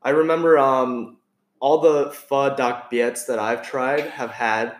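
A man hosts a relaxed food podcast, chatting easily and asking his guest curious questions. His voice sits in a mid range and rings with a noticeable roomy echo. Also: mid-range voice, takes it slowly. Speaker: podcast host. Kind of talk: casual chat.

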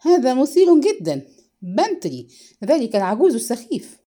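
A woman voicing a rude, cocky young man who talks in a loud, mocking, insolent way, in a storybook reading. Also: medium pitch, big pitch swings, fast.

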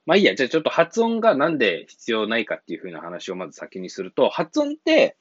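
Guy doing a chatty english tips podcast, lots of pitch swings, kinda muffled dry audio. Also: quick pace, slightly rough, dry recording. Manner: animated and rambling, with chuckles and apologies. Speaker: English coaching podcast host. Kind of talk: casual solo podcast talk.

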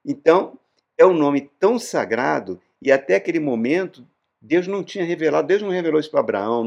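A man preaching a sermon. He tells the story with emphatic swings in loudness and acts out the quoted voices. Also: medium pitch. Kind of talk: sermon teaching.

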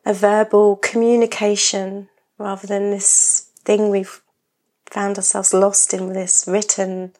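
A woman hosts a podcast interview in a croaky voice. Her pitch sits in the middle range for a woman, and she talks in a conversational way as she puts questions to her guest. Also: little pitch movement, unhurried, a little mellow. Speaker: podcast host.

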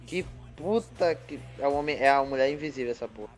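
A young man talks at a rapid clip, ordering his friends around in a casual gaming chat. He curses freely and takes charge. Faint music plays underneath. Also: medium pitch. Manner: bossy, cursing, rapid-fire. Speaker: podcast host and server admin.

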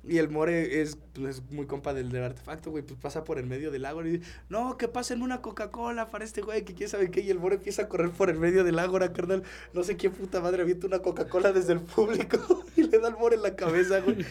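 A young man with a Mexican accent tells a story at a fast clip in a slightly higher voice. His chat is loose and slangy, and he drops "güey" into nearly every breath. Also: steady tone, a little mellow. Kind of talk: casual chat.

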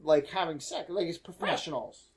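A man joking his way through a casual film commentary, wry and deadpan, rambling into absurd bits. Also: fairly high pitch, normal speed.

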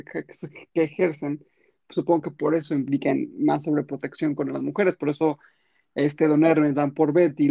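A man co-hosting a casual chat, giving quick, wry commentary. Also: on the high side, vocal fry, no echo, dull audio. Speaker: podcast co-host.

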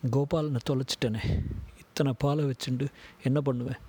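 A man voicing a grieving young woman teacher who talks in a soft, pleading way. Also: mid-range voice, fairly even intonation, normal speed, husky, pitched above the performer's own voice, natural voice.

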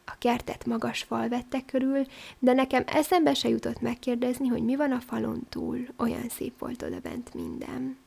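A woman voicing a gentle, sorrowful male prince statue who speaks slowly and mournfully. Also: fairly high pitch, gravelly, husky, heavily acted. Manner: slow and mournful.

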